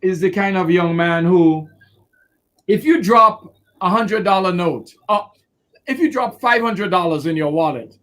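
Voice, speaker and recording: Expressive male lawyer, high-pitched, animated interview delivery. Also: measured pace. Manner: expressive, acts out quotes with laughter. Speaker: defense lawyer.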